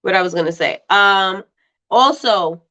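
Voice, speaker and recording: With a stuffy, congested voice, a woman hosts a casual livestream, reading viewer comments, laughing often, and repeating herself. She speaks at a measured pace in a mid-range voice with a bright, forceful tone, captured in slightly dull lo-fi audio.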